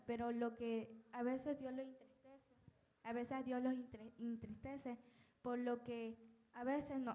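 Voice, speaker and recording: A woman preaching a personal testimony sermon, telling her story in a halting way with many restarts and repeated words. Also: on the high side, dark tone, rough recording. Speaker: lay preacher.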